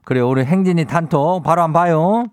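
Drawling Chungcheong-accented man, higher voice. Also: quick pace, loud music behind the voice. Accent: Chungcheong Korean. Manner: drawling, teasing, homespun advice. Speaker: radio host reading listener messages. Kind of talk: folksy radio call-in chat.

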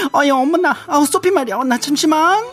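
A man voicing a bossy, quick-tempered woman office worker in a comic radio skit, high-pitched and shrieking when angry. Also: expressive, a bit bright, faint music behind. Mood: chatty.

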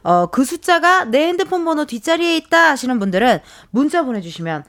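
A woman's voice: sits high, sing-song, fairly bright tone, no room sound. Bubbly female radio host. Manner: bubbly, teasing, fast reactions. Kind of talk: casual radio chat. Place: radio studio.

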